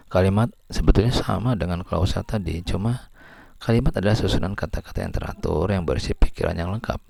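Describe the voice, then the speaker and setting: A man's voice: sits low, gravelly, a little mellow, breathy edge, no echo. A man giving a lecture, explaining step by step and reading out example sentences. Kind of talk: lecture on syntax.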